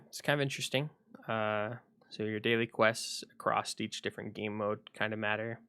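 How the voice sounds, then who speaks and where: A man chatting casually on a solo livestream, rambling and thinking aloud with frequent pauses, at home at his computer. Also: mid-range voice, a bit bright, no room sound.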